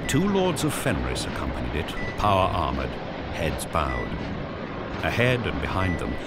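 A man with a bass voice narrates an audio drama in an intense, solemn, theatrical storytelling style. The recording is very noisy, with loud music and battle sound effects playing behind him.

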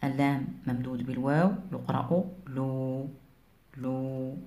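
A woman teaching beginners to read, speaking slowly and clearly and repeating each sound twice. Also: extremely low pitch, steady tone, dark tone. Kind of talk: reading and writing lesson for beginners. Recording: echoey room.

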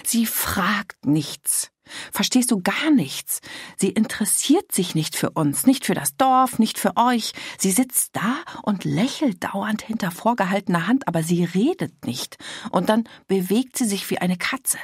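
Storybook mum, middle-aged, suspicious and outraged, read by a woman; low husky voice with fry. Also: animated, normal speed, no echo, clean studio sound. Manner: agitated, voice cracking with outrage. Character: indignant middle-aged mother, gossipy and suspicious.

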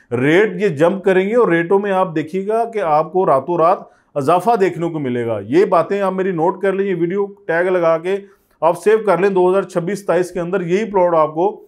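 A man in his thirties with a Pakistani Urdu accent, a real estate agent giving a persuasive sales pitch to camera in an office studio on a lapel mic. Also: a little mellow. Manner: persuasive, urging viewers to buy. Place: office studio set, indoors.

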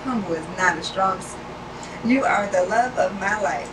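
A young woman in a small wooden cabin, gushing excitedly while reading little notes aloud. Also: mid-range voice, normal speed. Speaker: girlfriend receiving a promise ring. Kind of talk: casual vlog chat. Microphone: camera mic from across the room. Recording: distant, noisy cabin recording.

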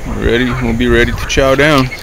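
Frogs and outdoor ambience come through the noisy camera recording as an outdoor vlogger in his thirties cooks fish over a riverside campfire. He narrates casually and chats with viewers as he works, his medium-pitched voice brisk, creaky and fairly even in intonation.

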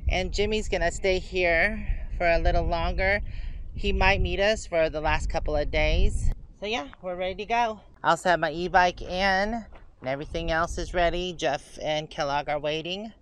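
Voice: medium pitch, fairly bright tone, slight background noise, poor audio. An RV camping vlogger narrating casually outdoors and from a truck, chatting easily and talking to their dogs along the way. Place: outdoors and in a truck on forest roads.

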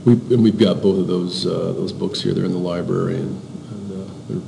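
Low gravelly dude teaching a class, kinda flat, roomy echo and some hiss. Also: male voice, normal speed. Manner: explanatory, pointing at slides, often repeats words. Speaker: instructor. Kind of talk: classroom lecture.

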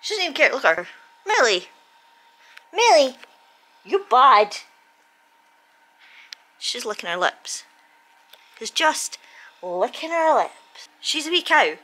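A woman's voice: high voice, sing-song, slow, long pauses, sharp tone. Chatty British woman vlogging at home. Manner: chatty and rambling, scolding her dog playfully. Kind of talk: casual chat to camera. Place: home kitchen and living room. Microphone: handheld camera at arm's length.

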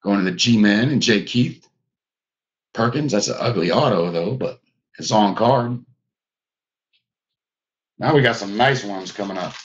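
A man's voice: lowish voice, animated, measured pace, long pauses, muffled recording. A man hosts a live trading card break, chatting casually and talking to viewers by name as he opens packs.

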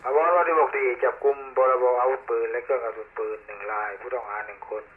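A man's voice: medium pitch, fast talker. Tinny two-way radio, male police officer reporting.

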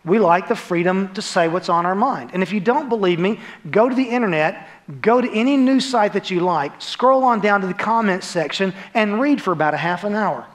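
An American pastor in his forties preaches a sermon on stage in a large, dark church auditorium. His high-pitched, expressive voice moves a little fast with hardly any pauses, and his conversational, emphatic style often caps points with short questions.

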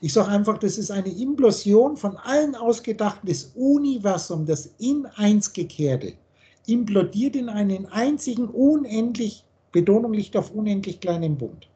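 A man's voice: sits high, animated, normal speed, mellow. Man lecturing on a video call. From Germany. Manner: explains word meanings letter by letter, lecturing. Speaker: spiritual teacher.

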